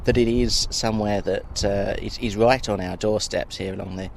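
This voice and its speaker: A man's voice: lowish voice, fairly even intonation, moderate pace, creaky. Male podcast host, outdoors. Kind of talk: conversational interviewing. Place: outdoors by the estuary. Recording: faint outdoor background noise.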